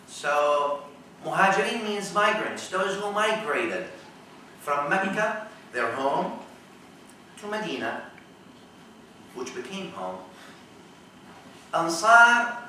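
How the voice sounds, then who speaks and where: In a college lecture room, a man with a fairly high, sharp voice gives a religious lecture to a live audience, breaking a verse down piece by piece and quizzing his listeners. The room is very echoey, the mic sits at a distance, and there's a faint hiss or hum.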